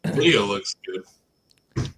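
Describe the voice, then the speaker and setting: A man's voice: on the low side, animated, drawn-out words, fairly bright tone. A man co-hosting a casual livestream, easygoing and matter-of-fact. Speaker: co-host.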